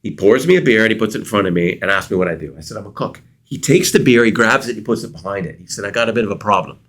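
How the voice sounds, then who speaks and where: A man's voice: lowish voice, racing. A middle-aged man from Canada, a consultant guest in an interview, telling stories and acting out the dialogue in them. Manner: animated storyteller, acts out quoted dialogue. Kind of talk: storytelling interview answers.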